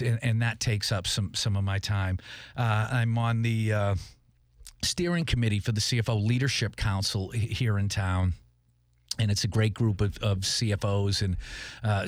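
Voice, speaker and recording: A man's voice: on the low side, no room sound. A middle-aged man hosting a podcast in a studio, chatting casually and often tripping over repeated words. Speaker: podcast host.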